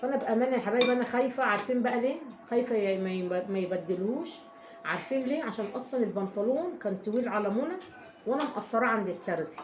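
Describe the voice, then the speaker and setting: A mother with an Egyptian Arabic accent tells viewers a long, rambling story in a casual family vlog, speaking emphatically and peppering it with oaths. Her voice is fairly high and darkish, recorded in an echoey room with faint background noise.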